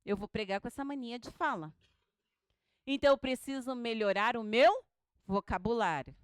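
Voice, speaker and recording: A woman teaches a preaching class in a bright, high and smooth voice. She keeps asking the class questions and makes them repeat words aloud. The sound is close and dry. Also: moderate pace, no room sound. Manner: animated, asks the class questions and drills syllables aloud. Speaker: homiletics teacher. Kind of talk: classroom lecture.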